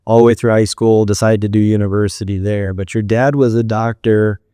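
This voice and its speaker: A man hosting an interview podcast, upbeat and friendly, reacting quickly to his guest. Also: lowish voice, fairly even intonation, warm tone, clean tone, no room sound, studio quality. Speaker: podcast host.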